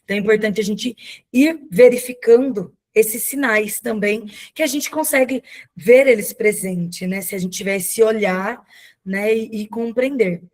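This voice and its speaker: Slow, explanatory woman on a video call. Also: a little high, darkish tone. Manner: slow, explanatory, many "né?" tags. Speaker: guest speaker on children's ministry. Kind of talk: online lecture.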